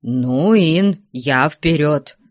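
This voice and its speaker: A woman voicing a flustered, anxious man who pleads in a hushed voice. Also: deep voice, lively intonation, drawn-out words, dry recording, clean studio sound, full character voice. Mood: cautious.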